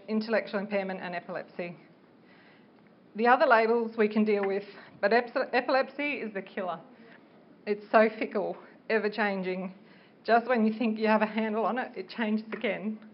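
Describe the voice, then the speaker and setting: A middle-aged woman giving a prepared public speech as a parent campaigner, speaking earnestly and carefully like a reluctant speaker. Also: medium pitch. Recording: dull, noisy live speech recording.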